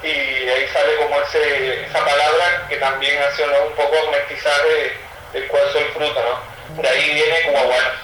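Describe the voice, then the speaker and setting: Young Cuban writer, Cuban Spanish accent, hesitant interview answers, flat delivery, recorded off-mic. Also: male voice, on the high side, measured pace, distant mic. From Cuba. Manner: thoughtful, with frequent hesitations and fillers. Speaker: writer and poet, guest. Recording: roomy sound, from the mic, faint noise.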